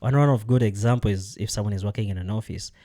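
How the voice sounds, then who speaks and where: A man's voice: fairly low pitch, fast, dark tone. A man hosting a casual podcast conversation, speaking hesitantly with many fillers and frequent laughs. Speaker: podcast host.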